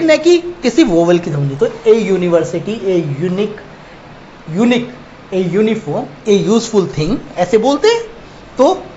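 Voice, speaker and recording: A male teacher giving a grammar lesson, dictating slowly and repeating example words one at a time. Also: sits high, a little mellow. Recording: dull lo-fi recording, faint noise.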